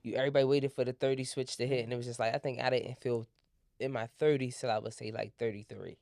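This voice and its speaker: A woman's voice: rumbling low, fairly even intonation, quick pace, gravelly, darkish tone, dry recording. A woman in her thirties hosting a podcast, telling stories in a laid-back, slangy way. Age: 30s. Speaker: podcast host. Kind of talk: casual chat.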